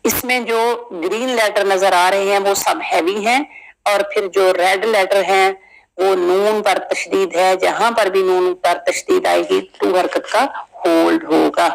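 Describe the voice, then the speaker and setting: A woman teaching Quranic recitation, explaining pronunciation briskly and then reciting verses slowly, drawing out each sound. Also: mid-range voice, steady tone, vocal fry, poor audio. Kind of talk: tajweed lesson.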